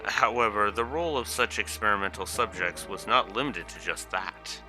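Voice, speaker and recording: A man reading the lines of a serious adult male former soldier in a steady, measured way. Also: fairly low pitch, music in the background, lightly acted. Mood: grave.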